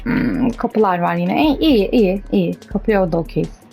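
A woman's voice: mid-range voice, lively intonation, a little slow, creaky, warm tone, husky, soft background music. A young woman giving casual commentary on her own gameplay, cheering herself on and getting exasperated. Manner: chatty, self-cheering, exasperated at the game. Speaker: gaming streamer.

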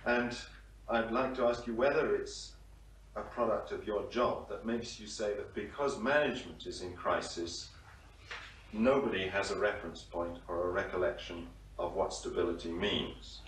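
A man from the audience raising a question, halting and slowing as he reaches his points. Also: fairly low pitch, fairly bright tone. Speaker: audience member asking a question. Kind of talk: discussion question. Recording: roomy sound from far off the mic, faint hiss.

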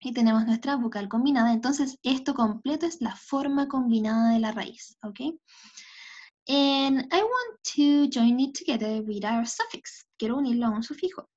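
A woman's voice: fairly high pitch, animated, moderate pace, a little mellow. Bilingual woman teacher, lo-fi sound. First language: Spanish. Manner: explains in English then repeats in Spanish, often checks with "¿ok?". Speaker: English teacher. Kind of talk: bilingual recorded lecture. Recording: dull lo-fi lecture audio.

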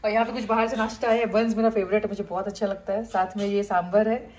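A woman's voice: medium pitch, level tone, fast talker, darkish tone, a little hiss or hum. A young woman from India, chatting to viewers in a casual home vlog while filming around her family's house and kitchen. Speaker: family vlogger.

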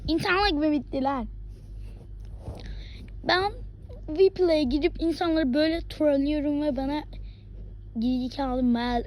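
A woman vlogging in a casual, rambling chat, sometimes dropping into hushed asides. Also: high-pitched, slight background noise.

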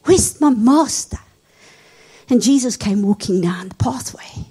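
Slow, husky South African woman preaching. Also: on the high side, lively intonation. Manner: dramatic, drops to whispers and rises to shouts when telling a story. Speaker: seminar speaker. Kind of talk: sermon storytelling. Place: seminar hall.

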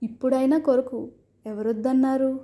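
A woman's voice: sits high, steady tone, normal speed, dark tone. A woman voicing an impatient, sarcastic young husband in a storybook reading, stern and mocking.

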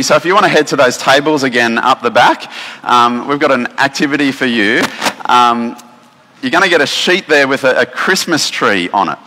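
A man with an Australian accent preaching a casual sermon, chatty and relaxed, with many fillers and restarts. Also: medium pitch. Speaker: pastor. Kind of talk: casual sermon with instructions for children. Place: church hall. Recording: long reverb of a church hall.

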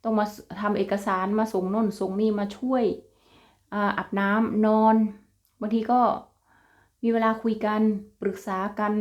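A woman's voice: medium pitch, dull audio. This is a young woman with a Northeastern Thai Isan accent, chatting in a casual vlog. She talks freely and familiarly, calls her viewers brothers and sisters, and laughs often. Her voice sits in a middle register for a woman. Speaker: vlogger.

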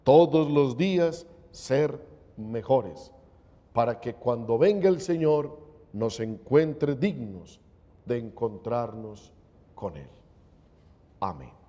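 A man, a priest, leading the prayers of Mass in a slow, solemn recitation, his voice ringing with cathedral echo. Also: mid-range voice, expressive, warm tone. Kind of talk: liturgical prayer. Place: large church. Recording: long church reverb.

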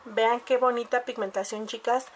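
A woman's voice: on the high side, fairly even intonation, moderate pace, slight background noise. A woman, chatting casually through a makeup review and addressing viewers as "chicas". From Mexico. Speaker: beauty vlogger.

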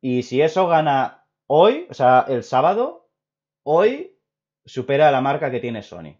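A young man from Spain with a Spain Spanish accent, hosting a casual opinion chat and rambling excitedly with many restarts. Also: medium pitch, unhurried. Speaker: video host. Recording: dull lo-fi recording.

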